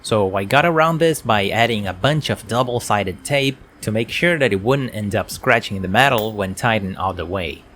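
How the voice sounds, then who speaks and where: A man's voice: fairly low pitch, expressive, moderate pace, hardly any pauses, fairly bright tone, slight background noise. A man giving a plain, explanatory product review at his home work desk, speaking into a desk mic on an arm. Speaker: tech reviewer.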